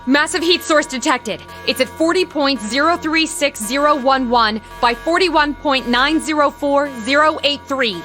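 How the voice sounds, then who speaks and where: Bright, high anime command operator. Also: female voice, unhurried, hardly any pauses, soft background music. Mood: urgent, businesslike. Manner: clipped, technical. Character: alert, precise military radar operator. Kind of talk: anime dub acting.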